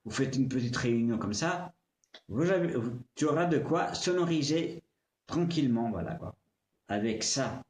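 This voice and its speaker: A man's voice: mid-range voice, a little mellow. Chatty man reviewing gear, echoey room. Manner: chatty and playful, addresses viewer with tu, occasional swearing. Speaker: tech reviewer. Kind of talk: casual product review livestream.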